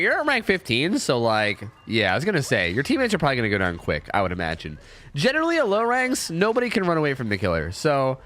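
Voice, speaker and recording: A gameplay reviewer, a young man with a cold, speaks in a bright, forceful mid-range voice. He commentates casually, sniffling, swearing, and rambling, often starting his sentences over.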